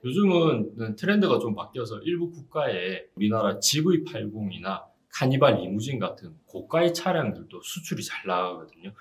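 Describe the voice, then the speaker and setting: A man's voice: lowish voice, very animated, moderate pace, few pauses. A man in his forties speaking as a used car dealer in an interview, giving assured, explanatory advice like a salesman. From Busan, South Korea. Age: 40s. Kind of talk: informal on-camera interview giving buying advice.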